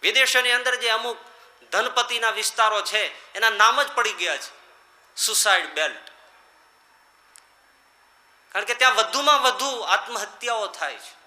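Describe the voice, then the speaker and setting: Male monk preacher, bright forceful tone, fairly high voice, echoey hall. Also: moderate pace, pauses often. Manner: rhetorical, swinging between loud emphatic lines and quiet low ones. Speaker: monk giving a scripture discourse. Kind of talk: sermon.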